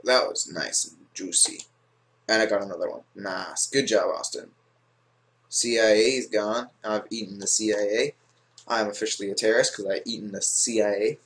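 A man casually commentating his own gameplay for viewers, joking at his own expense, swearing, whispering when tense and jumping into a squeaky high voice to taunt other players. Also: fairly bright tone, husky. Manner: jokey, self-mocking, swears, talks to viewers. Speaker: gaming video host.

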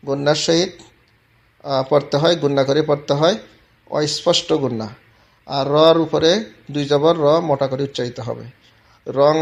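A man with a Bangladeshi Bengali accent teaching Quran tajweed, explaining each letter and stretched vowel step by step in a steady instructional tone. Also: fairly high pitch. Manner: explains letter by letter, then chants verses slowly and loudly. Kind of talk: slow, step-by-step recitation lesson.

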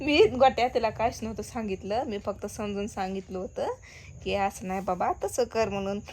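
A woman's voice: mid-range voice, moderate pace, a little mellow, slight background noise. A woman vlogger chatting casually, laughing and playfully complaining to the camera and a friend. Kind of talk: casual vlog chat.

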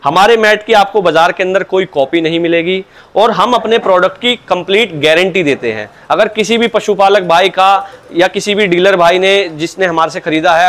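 Guy selling stuff, fairly high voice, patient salesman tone, keeps saying sir. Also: fairly bright tone. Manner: patient, salesman-like, repeatedly opens with "sir, look". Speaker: cow mat dealer. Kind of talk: product explanation in an interview.

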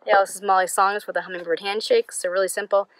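A woman's voice: medium pitch, little pitch movement, fast, rough recording. A woman outdoors casually explaining a dance move in a friendly way. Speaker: dance instructor.

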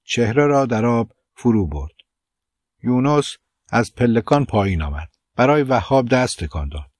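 A man narrating an audiobook of a literary novel in a measured, steady reading. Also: medium pitch, dry recording, clean studio sound.

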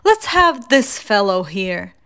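Jolly, kindly old storybook Santa as a woman reads him, cheerful and friendly, unhurried, mid-pitched. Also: big pitch swings, a bit bright, clean tone, heavily acted.

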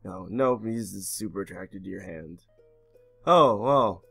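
A man's voice: lowish voice, a little slow, vocal fry, a bit bright, husky, faint music behind. A man giving comedic commentary while playing a game, sarcastic and profane.

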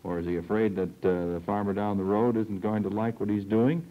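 Low-voiced young host with halting questions. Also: male voice, steady tone. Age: young adult. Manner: hesitant, rambling questions. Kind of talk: TV panel discussion. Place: TV studio. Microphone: desk microphone. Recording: dull 1960s TV film sound.

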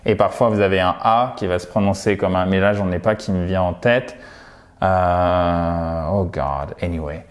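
A French-speaking man teaching English pronunciation in an online lesson, lively and coaching, modeling words by repeating them. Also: low-pitched, brisk, hardly any pauses.

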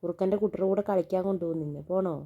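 A woman chatting gently with a small child at home, coaxing and reassuring in a calm, patient way. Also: lowish voice, rapid-fire, dull audio. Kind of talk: casual chat with a small child.

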